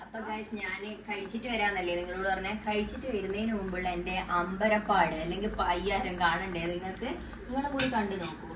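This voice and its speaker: A home vlogger chats casually to her viewers, calling them "guys," as she cooks in her home kitchen for a daily-life vlog. Her voice is medium-pitched and quick. The room is echoey, with a distant mic and background noise.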